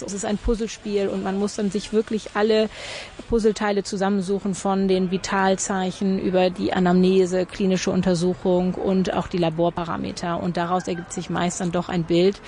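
A woman's voice: lowish voice, flat delivery, moderate pace, mellow, slight background noise. A woman doctor explaining a medical point in an expert interview. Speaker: hospital doctor.

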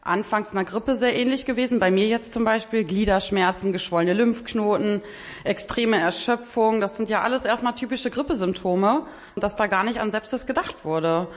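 A woman's voice: mid-range voice, normal speed. Young woman speaking plainly. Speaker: interviewee. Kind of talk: recounting personal experience.

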